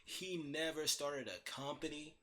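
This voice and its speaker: Blunt, swearing man with a bright voice. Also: a little high, measured pace. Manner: blunt and heated, swears constantly, restarts mid-sentence. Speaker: host ranting on his own channel. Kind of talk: casual profane rant.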